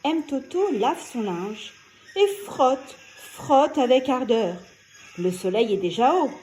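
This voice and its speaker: Brief: expressive female narrator reading a children's tale aloud, high and animated. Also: slow pace, slight background noise. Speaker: storyteller. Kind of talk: children's story read aloud.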